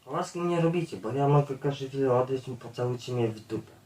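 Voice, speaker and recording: A man's voice: medium pitch, quick pace, dark tone. A man streaming a blunt, profane, repetitive rant to his viewers, addressing them over and over. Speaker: YouTube streamer. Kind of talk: ranting monologue to viewers. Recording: echoey room, far from the mic.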